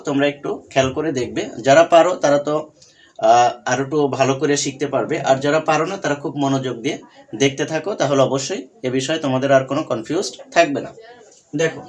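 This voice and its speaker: A man's voice: a little high, a little hiss or hum. A young man teaching an online English grammar lesson, patiently repeating key points and quizzing his students.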